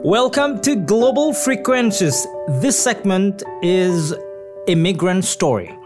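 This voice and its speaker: A woman's voice: medium pitch, lively intonation, slow. Woman interviewer over faint music. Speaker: radio interviewer. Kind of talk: casual interview questioning.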